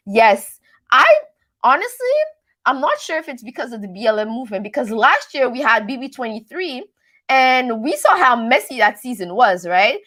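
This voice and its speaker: A higher-pitched Canadian livestreamer with a fairly bright tone answers viewer comments on her reality TV recap channel. Casual and rambling, she's self-deprecating, trips over her words, and plays around with different accents.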